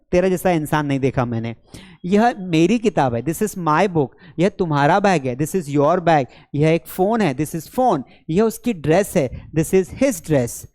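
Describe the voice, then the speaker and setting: A man's voice: high-pitched, a little mellow. A man teaches spoken English at a board in a classroom. He drills short sentence pairs aloud with energy and calls his students beta and bhai.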